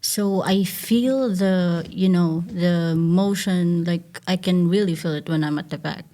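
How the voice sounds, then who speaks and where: A young student from the Philippines discussing preferences casually, earnest and full of fillers. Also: male voice, high voice, a little slow, mellow. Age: young adult. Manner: earnest, uses many fillers like "like". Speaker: student panelist.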